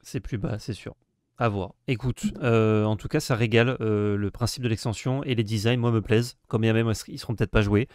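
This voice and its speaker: A man's voice: fairly low pitch, steady tone, fairly quick, a little mellow, clean tone, dry recording, clean studio sound. A man co-hosting a casual card-game discussion, talking with many hesitations and restarts. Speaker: co-host.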